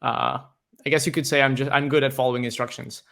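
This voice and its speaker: A Portuguese open source developer from Portugal, a native Portuguese speaker, is a guest in a casual interview. His bright, mid-range voice is fairly even in intonation and quick, with vocal fry, and he sounds hesitant, with many restarts and fillers.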